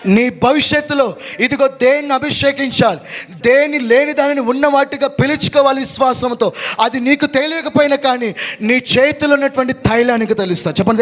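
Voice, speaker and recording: A male pastor preaching a call-and-response sermon, urging his congregation to repeat phrases loudly and breaking into shouted hallelujahs. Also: very high-pitched. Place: church service.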